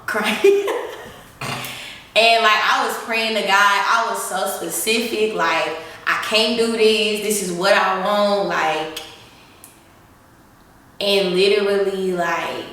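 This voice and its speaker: A woman's voice: fairly low pitch, sharp tone. A woman, chatting casually and giggling while she answers follower questions beside her partner. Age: 20s. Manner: chatty, giggly, says y'all. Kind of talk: casual chat. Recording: echoey room, mic at a distance.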